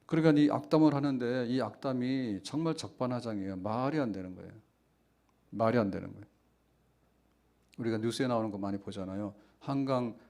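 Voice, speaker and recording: A man's voice: on the low side, darkish tone. A middle-aged male pastor giving an emphatic early-morning sermon, calling for amens and acting out quoted prayers. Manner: emphatic preaching, calls for amen, acts out quoted prayers.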